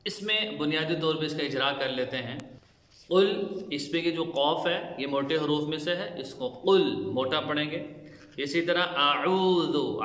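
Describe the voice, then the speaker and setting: A man teaching Quran recitation rules, explaining slowly and chanting the verses in long drawn-out tones. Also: fairly high pitch, pushed and bright. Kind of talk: tajweed lesson with chanted recitation. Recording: echoey room with long reverb.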